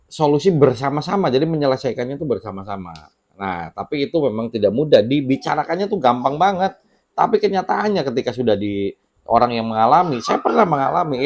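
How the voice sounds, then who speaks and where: A man talking casually to camera in a small home studio, giving relaxed, unhurried advice with many fillers and pauses. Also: mid-range voice. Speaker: channel host sharing debt advice. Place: small home studio with children heard nearby.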